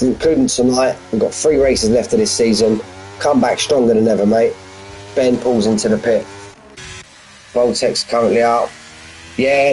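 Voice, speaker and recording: A man's voice: medium pitch, darkish tone, slight background noise, poor audio. A man giving informal, matey live commentary on an online racing league, chatting to the drivers like mates. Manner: matey, addresses drivers as mate, lad and bud.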